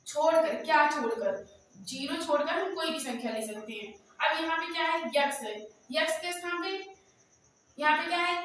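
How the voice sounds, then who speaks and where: A woman teaching a math lesson who keeps asking questions and answering them herself, drawing out formulas slowly as she dictates them. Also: high voice, a bit bright, a little hiss or hum. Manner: slow, drawn-out dictation of formulas. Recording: very echoey room, voice from far off.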